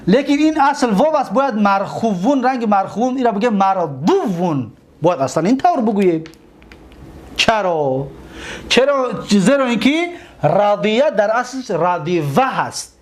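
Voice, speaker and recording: A man's voice: high-pitched, very animated. A man with a Tajik accent teaching a classroom lecture, explaining step by step, repeating each word and asking his students questions. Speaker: teacher of Arabic morphology.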